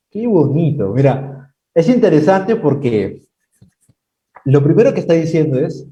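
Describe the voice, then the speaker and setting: A man's voice: warm tone, far from the mic, highs cut off. A man preaching a sermon at a church prayer night, acting out quoted lines in voices. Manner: acts out dialogue with God in high mocking voices.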